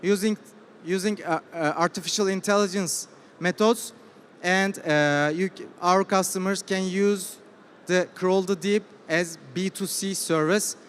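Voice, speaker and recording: A man with a Turkish accent giving a business pitch in halting, hesitant English. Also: fairly even intonation. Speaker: startup presenter. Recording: reverberant hall with faint noise.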